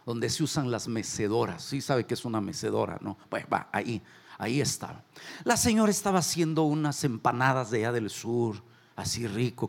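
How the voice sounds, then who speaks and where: A Mexican pastor preaching a sermon, animated and joking, urging the congregation to repeat phrases after him. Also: male voice, mid-range voice, creaky, husky. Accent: Mexican Spanish. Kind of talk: sermon with jokes and call-and-response.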